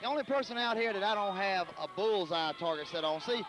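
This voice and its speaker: A man's voice: high voice, fairly quick. A man with a Southern US accent doing brash, trash-talking wrestling commentary. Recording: clearly noisy live event background.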